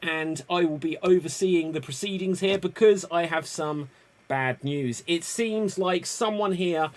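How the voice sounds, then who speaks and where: This improv show host, a man with a voice on the high side, leads a live game over video call at a measured pace. The hosting is energetic and upbeat, though he rambles somewhat and corrects himself.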